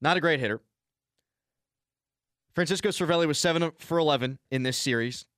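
A man's voice: on the high side, a little fast, fairly bright tone, smooth, no room sound, studio quality. A man hosting a sports radio show, chatting casually and joking with his guest. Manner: joking, opinionated. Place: radio studio.

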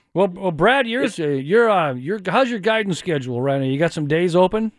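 Lively, laughing radio host man. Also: high voice, moderate pace, dry recording, studio quality. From Washington State. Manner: lively, jokey, laughs often. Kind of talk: casual radio chat.

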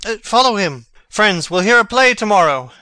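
A man playing a brooding, sharp-witted young prince, speaking verse theatrically. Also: sits high, animated, normal speed, no echo. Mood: commanding. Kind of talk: reading a stage play.

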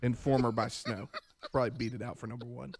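A man co-hosting a podcast, earnest and quick in casual banter. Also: medium pitch, flat delivery, noisy background. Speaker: podcast co-host.

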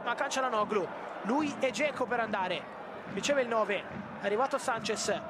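A man giving breathless, urgent and excited live football goal commentary as the play-by-play commentator. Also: extremely high pitch, moderate pace. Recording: loud crowd noise behind commentary. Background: loud stadium crowd.

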